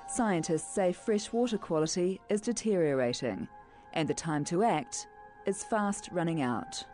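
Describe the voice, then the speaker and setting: Mellow, expressive New Zealand woman reporter. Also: on the low side, unhurried, soft background music. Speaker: current affairs reporter. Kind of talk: scripted TV report narration.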